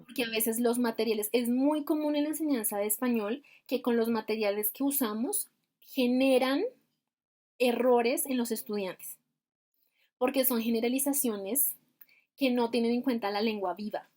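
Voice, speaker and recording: A woman's voice: a little high, moderate pace, warm tone. A woman teaching grammar over a video call, explaining step by step and asking rhetorical questions. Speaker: grammar instructor.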